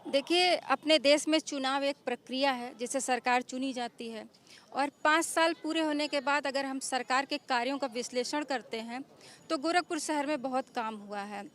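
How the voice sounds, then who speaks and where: A woman resident making a formal statement outdoors and reciting verse in a measured, declamatory way. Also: high-pitched, a bit bright. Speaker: local resident reciting a poem. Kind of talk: formal speech and poetry recitation. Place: outdoors in a city.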